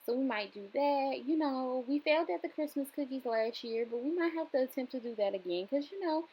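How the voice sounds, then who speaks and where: A woman's voice: sits high, lively intonation, a little fast, darkish tone, breathy edge, rough recording. A young woman chatting casually to her viewers in a home kitchen vlog, talking them through the cooking with lots of fillers. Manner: chatty, filler-heavy, addresses viewers directly. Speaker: vlogger.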